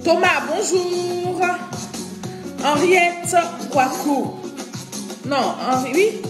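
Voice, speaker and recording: A woman's voice: very high-pitched, extremely slow. A woman hosting a live stream, chatting effusively with viewers and breaking into chanted refrains. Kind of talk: casual live-stream chat greeting viewers. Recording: roomy echo with faint music behind.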